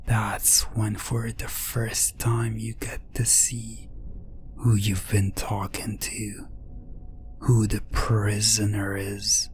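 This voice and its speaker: In a lowish voice, a man narrates a hypnotic ASMR story addressed to "you." He is breathy and often whispers, leaving long pauses and repeating phrases.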